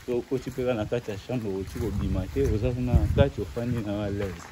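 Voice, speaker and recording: A man's voice: fairly low pitch, fast talker, noisy background. A man with a Congolese accent who works at the site, proudly answering questions in a mix of Lingala and French. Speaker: staff at the tourist site. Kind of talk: casual interview answers. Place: outdoors at a park.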